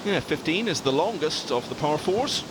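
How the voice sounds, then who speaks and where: A man's voice: fairly high pitch, big pitch swings, normal speed, noisy background. A man giving golf commentary as the lead voice, informative, setting out scores and player records.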